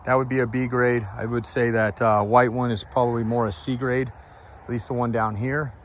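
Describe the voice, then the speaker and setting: A man's voice: mid-range voice, little pitch movement, normal speed, slight background noise. A man selling used Jeep parts, talking casually in a rambling way outdoors and trailing off mid-sentence, a bit winded. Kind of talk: casual walkaround video.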